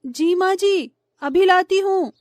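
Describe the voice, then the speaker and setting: A woman voicing a meek, patient young daughter-in-law in a storybook tale, who speaks in a soft, humble way. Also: very high voice, slow, no echo, clean studio sound. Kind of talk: storybook voice acting.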